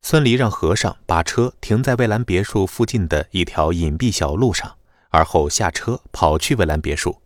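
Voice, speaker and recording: A man narrating a web novel audiobook in a lively, dramatic storytelling manner. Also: deep voice, moderate pace, no echo, clean studio sound.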